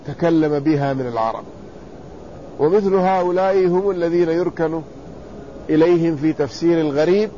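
A man teaching a classical text, reading each passage and then explaining it slowly and deliberately. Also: a little high, warm tone, dull audio, slight background noise. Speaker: teacher of hadith sciences.

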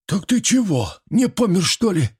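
A man's voice: mid-range voice, big pitch swings, normal speed, pitched above the performer's own voice. A man voicing a flustered old village man who sputters and squeals indignantly. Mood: startled.

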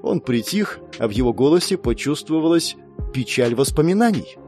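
Expressive male audiobook narrator. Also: a little high, normal speed, faint music behind. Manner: emotional, expressive first-person storytelling.

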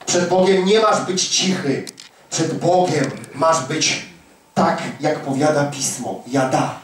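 Man preaching, fervent and emphatic, fairly high voice, distant mic, booming hall echo. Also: takes it slowly, a little hiss or hum. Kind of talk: sermon. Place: large echoey prayer hall. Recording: echoey hall recording from far off.

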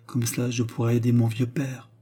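A man's voice: mid-range voice, monotone, a little fast, dark tone, breathy edge, close to an everyday voice. A man reading as a tearful young working woman. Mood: tearful pleading. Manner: pleading and broken.

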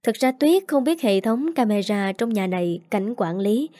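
A woman narrating a family drama story in a steady, plain storytelling manner. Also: medium pitch, moderate pace, no echo, clean studio sound.

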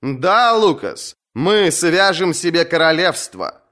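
A man's voice: a little high, expressive, slow pace, sharp tone, voice pushed up, heavily acted. A bold mocking sea captain woman, voiced by a man. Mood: defiant mocking. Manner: mocking, taunting, commanding. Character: young fierce female sea captain, mocking. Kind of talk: audiobook reading.

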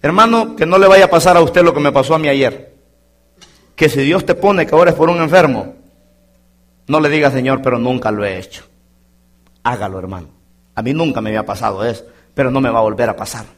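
A man preaching a sermon as a pastor in a church, swinging between loud exclamations and quiet asides. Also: medium pitch, lively intonation, brisk, pauses often. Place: church sanctuary.

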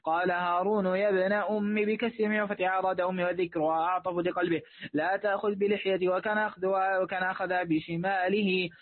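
A man reading a classical commentary aloud as a student, in a fast monotone with quick self-corrections. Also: high-pitched, no echo. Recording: dry, phone-like line.

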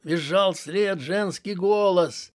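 A man narrating a story in a measured, steady audiobook style. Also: high voice, raised voice.

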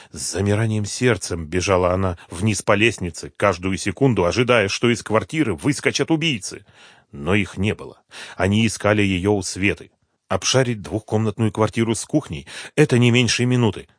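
A man reading a story aloud as narrator, in a tense, measured way. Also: fairly low pitch, no echo, clean studio sound. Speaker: audiobook narrator. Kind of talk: scripted narration.

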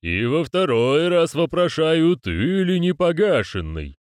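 A male reader voicing a stern old man who speaks slowly in a solemn, archaic, growling way. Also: fairly high pitch, sing-song, smooth, dry recording, clean studio sound, pitched above the performer's own voice. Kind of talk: audiobook character reading.

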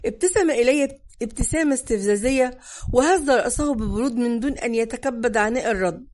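A woman's voice: fairly high pitch, fast, darkish tone, a little hiss or hum. Woman narrating a tense crime thriller. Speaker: audiobook narrator. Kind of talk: scripted novel narration.

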